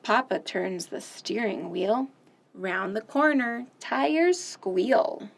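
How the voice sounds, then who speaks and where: With a creaky, mid-range voice and slow delivery, a woman runs a storytime for children. She reads picture books aloud and sings nursery songs in a lively sing-song way, adding loud, playful sound effects.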